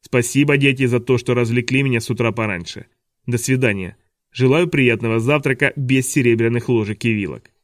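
A man's voice: mid-range voice, a little fast, no room sound, clean studio sound, lightly acted. A man doing a sneering vain school official. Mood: brisk. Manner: loud, sneering, giggling. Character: vain, mocking, shrill male school vice principal.

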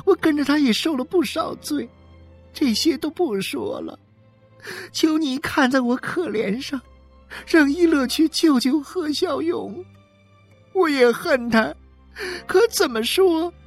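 A woman's voice: high voice, expressive, takes it slowly, soft background music, exaggerated voice. A woman voicing a desperate wife who is crying and pleading for her dying husband, with a wailing, tearful delivery. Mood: pleading tearfully. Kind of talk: dramatic reading.

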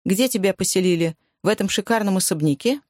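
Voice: medium pitch, fast, a little mellow, no room sound, lightly acted. Reader doing a bossy soldier hubby, blunt and scornful, dry sound. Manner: blunt, domineering.

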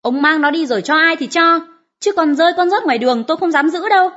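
A woman's voice: high voice, very animated, moderate pace, fairly bright tone. A woman voicing a bitter, nagging peasant wife who scolds her husband harshly in an audiobook. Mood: disgusted. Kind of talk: audiobook character reading. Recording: dull lo-fi audiobook recording.

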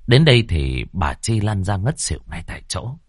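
A man's voice: deep voice, big pitch swings, moderate pace, breathy edge, dry recording, studio quality. A man narrating a ghost story with dramatic suspense.

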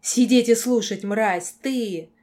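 A woman voicing a furious young woman in an audiobook, screaming insults in a hoarse, raw voice. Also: mid-range voice, normal speed, mellow, close to an everyday voice. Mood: enraged. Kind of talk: audiobook character voice.

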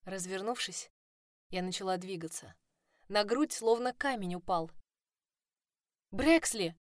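A woman's voice: medium pitch, moderate pace, no echo. Woman narrating a story, dry close sound. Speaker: audiobook narrator. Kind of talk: first-person audiobook narration with acted dialogue.

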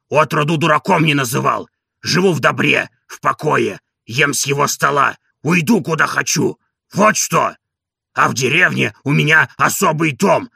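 A man voicing a hoarse, devoted old servant in an audiobook, indignant and boastful. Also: on the high side, bright, forceful tone, no echo, studio quality, full character voice. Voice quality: gravelly, hoarse.

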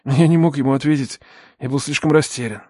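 A man narrating a dramatic story in the first person, tense and urgent, raising his voice for shouted dialogue. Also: medium pitch, a little fast, slightly rough, no echo, studio quality.

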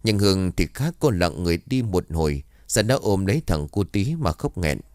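A man narrating a scripted horror story in a steady, even storytelling manner. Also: deep voice, a little fast, no room sound, clean studio sound.

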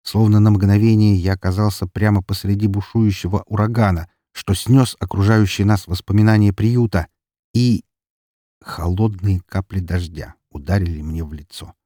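A man narrating an audiobook in a dramatic, expressive reading. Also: on the low side, moderate pace, dry recording, studio quality.

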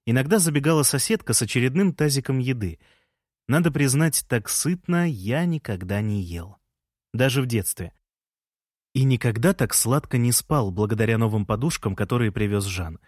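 A man reading a story aloud in a calm, first-person narration. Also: mid-range voice, moderate pace, dry recording, clean studio sound. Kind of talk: audiobook narration.

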